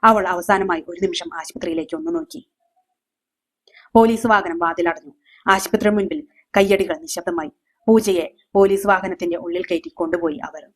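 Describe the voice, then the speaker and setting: Low-voiced woman storyteller. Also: expressive. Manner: measured, dramatic pauses. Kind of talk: scripted dramatic story narration.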